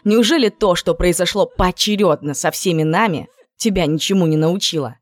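A woman voicing a cool, superior young woman who schemes and gives orders in a measured, sly way. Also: on the low side, no echo, studio quality, close to an everyday voice. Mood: scolding.

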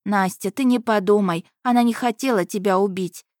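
A woman's voice: medium pitch, normal speed, a little mellow, no echo, clean studio sound, natural voice. A woman voicing a doting, stout old nanny who fusses and laments over her charge. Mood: fussing. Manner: lamenting, fussing.

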